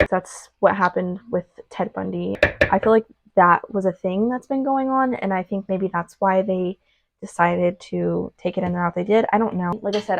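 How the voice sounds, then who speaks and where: A woman's voice: mid-range voice, gravelly, darkish tone, dry recording. A young woman chatting casually while baking in her home kitchen, talking loosely with lots of fillers and restarts. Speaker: vlogger. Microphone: small clip-on mic.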